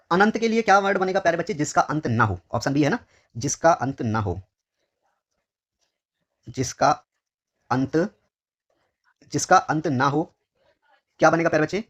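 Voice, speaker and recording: A Hindi exam teacher from India going through test questions. He repeats each phrase slowly, calls his pupils dear children, and drops his voice on each answer word. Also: a little high, expressive, a bit bright, highs cut off. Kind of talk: exam question walkthrough lesson.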